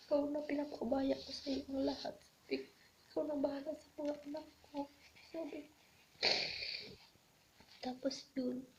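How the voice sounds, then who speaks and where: A woman from the Philippines telling her own life story on a vlog, speaking in a hushed, often half-whispered, halting way full of fillers. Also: a little high, gravelly, lo-fi sound, a little hiss or hum. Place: abroad in her current home.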